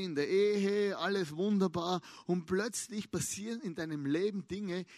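A man's voice: sits high, no echo, clean studio sound. A man preaching a casual, story-driven sermon, acting out the quotes and often asking "oder?". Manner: animated and colloquial, acts out quotes, asks "oder?" often.

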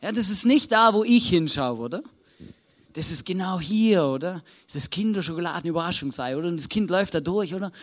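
A man's voice: sits high, expressive, fairly quick. A man with an Austrian accent preaching a sermon in a conversational way, checking in with listeners after nearly every sentence. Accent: Austrian German.

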